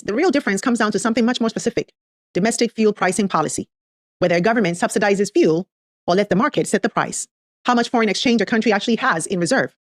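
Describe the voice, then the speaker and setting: Female explainer host: quick, punchy and emphatic, talking straight to the listener, very dry recording. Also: medium pitch, no room sound. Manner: emphatic, direct address with rhetorical build-ups. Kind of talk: scripted explanatory commentary to camera.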